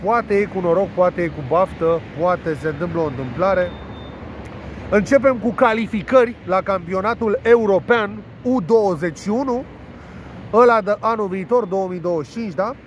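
A man's voice: high voice, a little hiss or hum. A man with a cold, talking through a blocked nose, giving sports betting tips in a rambling, crude, playful monologue. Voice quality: nasal. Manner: rambling, crude, playful, with word games and swearing. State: congested with a cold.

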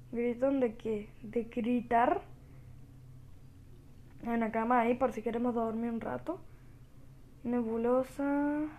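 Woman gamer, Rioplatense accent, low-volume jokey play-by-play, slow delivery. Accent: Rioplatense Spanish. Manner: talks quietly, joking and reacting to the game. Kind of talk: gameplay commentary.

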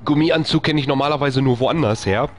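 A man's voice: medium pitch, brisk, soft background music. A man streaming a horror game, talking to himself in panicky bursts and repeating phrases. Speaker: let's play streamer. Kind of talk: live gameplay commentary.

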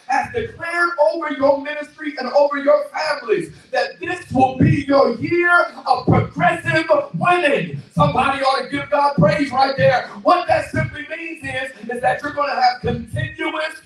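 A middle-aged male guest pastor preaching a sermon with a handheld mic in a small church hall, calling for responses and shouting exclamations. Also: very high voice. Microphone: handheld mic, far camera. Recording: echoey hall from far off, faint music.

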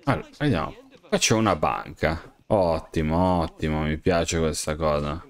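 Excitable man talking to game characters. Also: rumbling low, moderate pace. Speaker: gamer. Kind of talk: game commentary, role-playing as himself.

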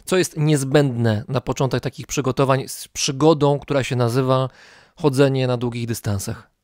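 A man's voice: medium pitch, fairly even intonation, moderate pace, darkish tone, no echo, studio quality. A man hosting a podcast, asking long, elaborate and curious questions. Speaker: podcast host. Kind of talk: interview questions.

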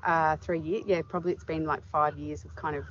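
Standing in an open farm paddock, a middle-aged woman farmer responds to interview questions in a low, level voice at a fairly quick pace. Her answers are considered and full of fillers, and background noise is clearly audible on the dull recording.

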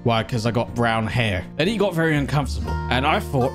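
A man giving playful game commentary, talking to himself and breaking into silly high yelps. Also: expressive, brisk. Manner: joking, talks to himself, sudden high yelps. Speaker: gaming streamer. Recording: game music behind the voice.

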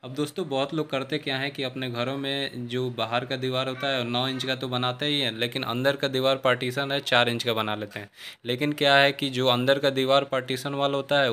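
A civil engineering channel host walks through an unfinished brick house, filming on a handheld phone and pointing out construction mistakes to viewers he treats as friends. His mid-range voice is bright and forceful, level in tone and a little fast, and he restarts sentences often. A slight hiss or hum sits under the recording.

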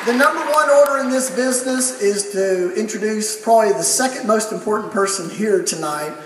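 A man's voice: high-pitched, brisk, background noise. A middle-aged man giving a folksy town-hall speech from a podium, building a repeated punchline. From Texas. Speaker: family doctor introducing a speaker. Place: large theater stage with crowd. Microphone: podium mic, recorded by a far audience camera. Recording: echoey hall from far off, loud crowd.

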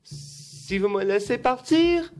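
A man's voice: very high-pitched, expressive, slow, a little hiss or hum, pitched above the performer's own voice, exaggerated voice. A man voicing a tiny frightened female mouse in a storybook, stammering and pleading. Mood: earnest.

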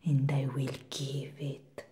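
Slow demonic whisper, seductive she-devil played by a woman. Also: very deep voice, monotone, noisy background. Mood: teasing, flattering. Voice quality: breathy, soft whisper. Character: seductive, coaxing female devil luring a human. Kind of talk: whispered role-play.

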